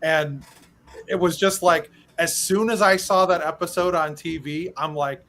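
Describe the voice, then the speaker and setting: A man's voice: a little high, steady tone, measured pace, pushed and bright. A man chatting casually on a podcast, easygoing and dropping "like" often. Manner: easygoing, uses "like" a lot. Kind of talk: casual chat.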